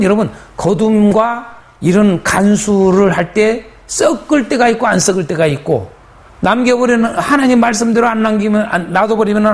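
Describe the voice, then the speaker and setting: Male pastor, lively high-pitched sermon delivery, repetitive and emphatic. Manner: emphatic, repetitive preaching with rhetorical questions.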